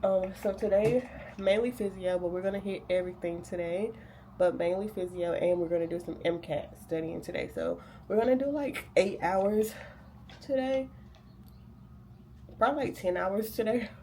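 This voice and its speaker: Her voice sits in the mid range, dark in tone, at a normal speed, with a little hiss or hum behind it. She's a young woman vlogging her day as she preps to study, a graduate student who sounds nasal from a cold and rambles chattily with lots of fillers.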